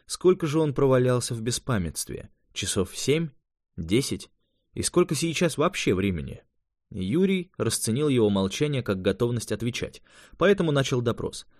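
A man reading fiction aloud as an audiobook narrator in an expressive, measured way. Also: mid-range voice, no echo, studio quality. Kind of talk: scripted narration.

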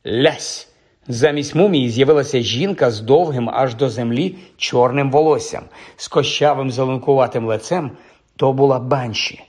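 A man's voice: medium pitch, a little mellow. Man narrating a fantasy audiobook. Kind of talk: scripted story narration.

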